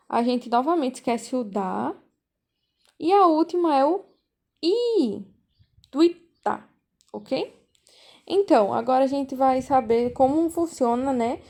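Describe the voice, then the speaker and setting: A woman teaching a language class over a video call, explaining slowly and patiently, repeating key points and checking in with the students. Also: high voice, a little mellow. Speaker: volunteer teacher.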